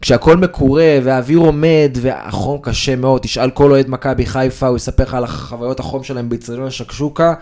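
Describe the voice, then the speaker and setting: A man's voice: mid-range voice, vocal fry, hardly any pauses, dark tone. A man, a sports journalist co-hosting a casual podcast, talking in a digressive way with many fillers. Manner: conversational, digressive, with frequent fillers.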